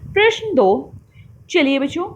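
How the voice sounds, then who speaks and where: Woman teacher for young kids, slow and animated, drawn-out drill words, faint hiss behind. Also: high-pitched, lo-fi sound. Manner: addresses children fondly as "beta". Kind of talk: online class lesson.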